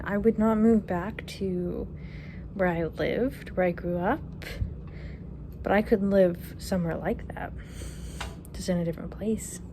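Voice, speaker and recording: A woman in her twenties from Kentucky answering viewer questions in a casual vlog, relaxed and chatty, thinking aloud with fillers, recorded on her phone at home. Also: medium pitch, noisy background. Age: 20s. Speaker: vlogger. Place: her apartment, indoors. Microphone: phone camera.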